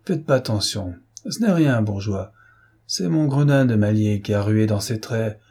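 A man voicing a sly, rough young coach driver who swears loudly and talks like a country man. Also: lowish voice, lively intonation, measured pace, exaggerated voice. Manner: cursing loudly, rustic speech.

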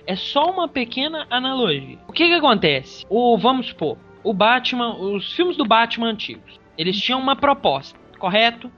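Co-host, mid pitch, halting and calming, muffled recording. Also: soft background music. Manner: conciliatory, hesitant, restarts while explaining. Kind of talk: casual film discussion. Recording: dull lo-fi recording.

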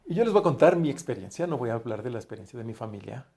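A man preaching with a warm, mellow voice. His delivery is conversational, with restarts and phrase endings that drop to near quiet. The pitch sits at an ordinary middle height for a man. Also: very animated, rapid-fire, creaky. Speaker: pastor. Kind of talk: sermon.

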